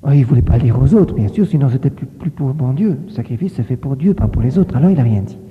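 A man giving a gentle catechism sermon with storytelling, coaxing his listeners and often asking whether they see. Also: medium pitch, lively intonation, fast talker. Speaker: priest teaching children. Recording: echoey hall on a tinny phone-like line.

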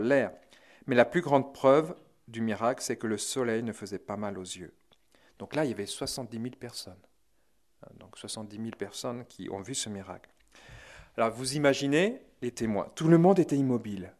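Male preacher, mid-pitched, lively dramatic storyteller who drops chuckling asides. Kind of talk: religious storytelling talk.

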